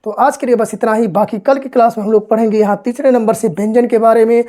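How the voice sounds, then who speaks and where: A woman's voice: on the high side, fairly even intonation, mellow. A woman giving an online grammar class, asking the class questions, answering them herself and repeating the key points. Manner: slow, careful sounding-out of letters. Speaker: Hindi grammar teacher.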